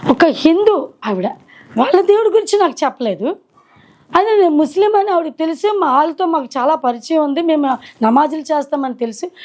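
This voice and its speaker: A middle-aged woman sharing her personal faith testimony at home, earnest and reflective, pausing and slowing as she recalls. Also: sits high, a little mellow. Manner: earnest, reflective storytelling with slow hesitations. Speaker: testimony speaker. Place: indoors at her own home.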